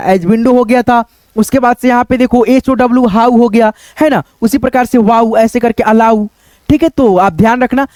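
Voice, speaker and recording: Man teaching English, very high voice, spells words letter by letter, dry close sound. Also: a little mellow, no echo. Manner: repetitive, keeps saying "okay friends" and "look here"; spells words letter by letter, then says them slowly.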